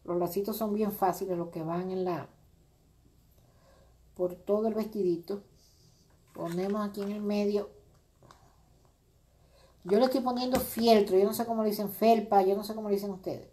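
A woman's voice: mid-range voice, fairly even intonation, normal speed, pauses often, slight background noise. Middle-aged lady crafting on a live stream, chatty and rambly, lots of ehs, says hi to viewers. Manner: chatty, warm-hearted, rambling with many fillers; greets viewers by name while working. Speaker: craft video host. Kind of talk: casual crafting livestream chat.

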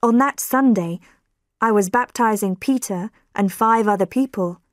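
Casting: female reader playing a nervous male reverend, slow and careful, dry close sound. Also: mid-range voice, dry recording, lightly acted. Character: male church reverend, worried and evasive.

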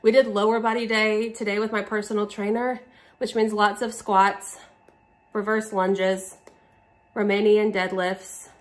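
A woman's voice: medium pitch, flat delivery, unhurried, reverberant, recorded from a distance. A woman talking casually and upbeat to camera in a style vlog, filmed on a tripod at home. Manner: chatty and upbeat, with frequent "like" fillers. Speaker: fashion vlogger. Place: room at home, filming on a tripod. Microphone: camera on a tripod some distance away.

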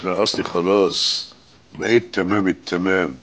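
A man's voice: low-pitched, fairly even intonation, normal speed, a bit bright. An actor in his sixties playing a boastful older father, teasing and sarcastic in an Egyptian accent. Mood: mocking, triumphant. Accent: Egyptian Arabic.

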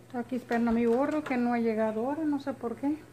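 A woman's voice: fairly high pitch, rapid-fire, dark tone. Middle-aged Mexican-accented woman, noisy phone vlog. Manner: colloquial, chatty. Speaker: family vlogger. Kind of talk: casual narration to camera while doing daily errands. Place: at home, indoors and in front yard. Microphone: phone at arm's length. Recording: handheld phone with clear ambient noise.

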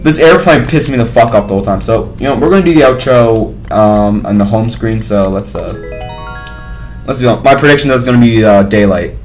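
A young man doing casual gameplay commentary, swearing loudly as he plays. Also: fairly low pitch, a little fast, faint music behind, rough recording. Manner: loud, swearing, frustrated outbursts. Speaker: gaming YouTuber. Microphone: headset.

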